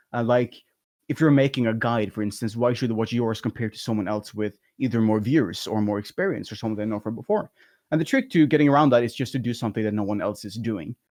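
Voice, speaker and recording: A man with a light, medium-pitched, slightly mellow voice appears as a guest in a relaxed interview. A YouTube content creator, he chats freely, rambles, and laughs a lot.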